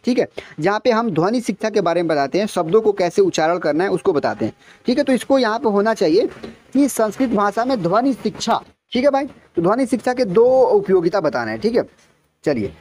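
Man, high voice, young adult, exam tutor, stepwise casual explanations, frequent self-corrections. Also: a little mellow. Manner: explains step by step, often saying "ठीक है" and addressing viewers as friends; self-correcting, restarts words. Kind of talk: casual exam-prep lesson.

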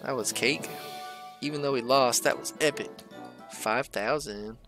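A young man hosting a let's play, giving excited, casual commentary as he plays. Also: mid-range voice, a little slow. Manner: excited, casual, reacting aloud. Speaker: gaming channel host. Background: game music.

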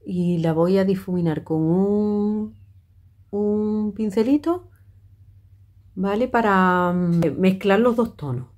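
A woman's voice: medium pitch, slow pace, a little mellow. A middle-aged woman, chatting her way through a makeup tutorial with many fillers and restarts. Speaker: makeup vlogger.

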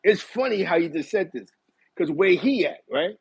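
This middle-aged New York-accented man from East Harlem hosts a live chat, casually telling stories from a small, bright room and gesturing animatedly as he reminisces. His voice is high and husky with vocal fry, at a moderate pace. The audio is dry and poor.

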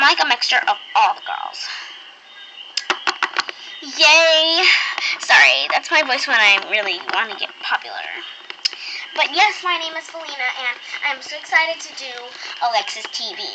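A woman voicing a vain, bubbly girl doll who wants to be popular, talking in a loud, giggly, showy way, on a noisy phone recording. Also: fairly high pitch.

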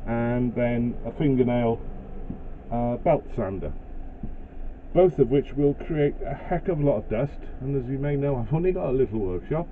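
A man's voice: medium pitch, moderate pace. A middle-aged man hosting a woodworking channel, talking casually through his plans in a small home workshop, with plenty of ums and uhs. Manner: chatty, hesitant with fillers. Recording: tinny phone-like sound with faint noise.

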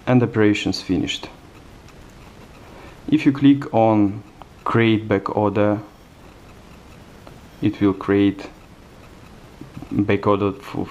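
Low-voiced man demonstrating software. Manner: plain step-by-step explaining with hesitant fillers. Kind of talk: screencast product demo narration.

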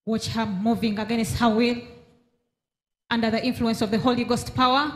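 A woman's voice: fairly high pitch, fairly even intonation, moderate pace. A woman giving running commentary during a deliverance service, announcing in a declarative way. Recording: echoey hall with loud noise.

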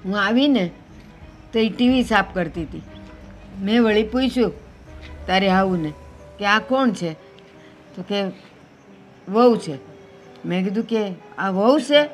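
A woman's voice: medium pitch, unhurried, pauses often, faint music behind, natural voice. A woman with a Gujarati accent playing an offended older mother who sulks and complains. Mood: sulky. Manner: complaining, sulky. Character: sulking offended old mother. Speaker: visiting mother.

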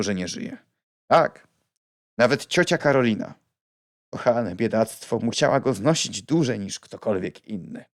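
Bouncy blunt young lady put on by a guy reading a book, swoopy animated voice, bit of fry. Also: mid-range voice, dry recording, clean studio sound, natural voice. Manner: playful, outspoken. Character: young woman, lively, teasing, blunt. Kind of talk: audiobook reading.

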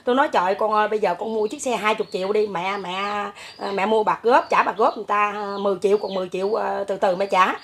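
Fast-talking Southern Vietnamese mother. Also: mid-range voice, fairly even intonation, a bit bright. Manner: rambling, hesitant, many fillers. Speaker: interviewee, mother. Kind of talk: casual storytelling.

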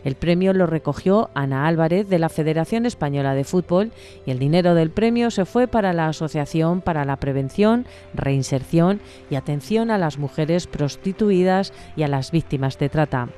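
A woman narrating a scripted news report in a measured, even way. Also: low-pitched, faint music behind.

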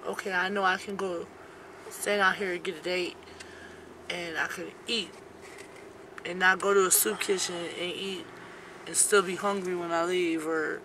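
A woman's voice: lowish voice, steady tone, measured pace, pauses often. A young woman giving a candid, blunt, streetwise interview, swearing freely, in the back of a car. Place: back seat of a parked car. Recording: noisy car interior recording.

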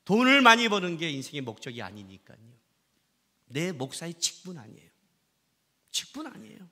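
A man pastor preaching at a worship service, telling a story in lively, animated fashion and acting out the quoted lines. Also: a little high, moderate pace. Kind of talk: sermon.

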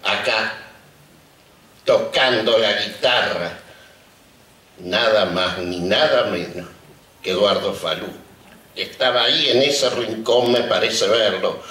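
The speaker, a sixty-five-year-old retired Argentine teacher, accepts an honor outdoors in a colonial courtyard, his voice fairly low, bright, and forceful yet trembling with emotion. He halts often, pausing deliberately to reminisce, and podium microphones on stands render him with distant, roomy public-address sound.

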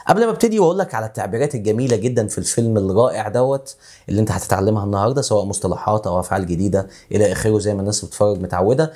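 A man with an Egyptian Arabic accent teaching English casually, slowing down to repeat English phrases word by word. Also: lowish voice, a little mellow. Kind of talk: casual video lesson.

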